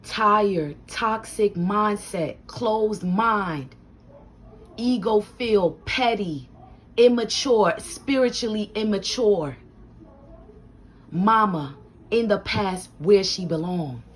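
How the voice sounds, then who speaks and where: A woman's voice: medium pitch, slow. Scratchy-voiced woman preaching hard truths. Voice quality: scratchy, husky smoker's voice. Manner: blunt, preachy, talks straight to the viewer. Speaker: vlogger giving life advice. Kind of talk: fiery motivational talk to camera. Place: home room with a door.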